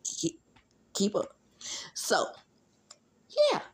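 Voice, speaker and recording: A woman with a Southern Mississippi accent chatting casually as a gossip commentator, sassy and blunt, with conversational asides. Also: drawn-out words. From Mississippi, United States. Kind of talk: casual celebrity gossip chat, solo commentary.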